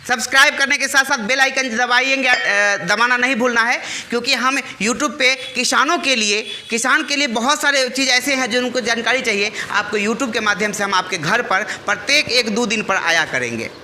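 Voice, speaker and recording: A man with a very high, piercingly bright voice hosts a live talk for a crowd of farmers at a village temple. He talks like a teacher, coaxing listeners to answer back. He also leads call-and-response chants. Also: moderate pace, hardly any pauses, slight background noise. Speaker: channel host addressing farmers.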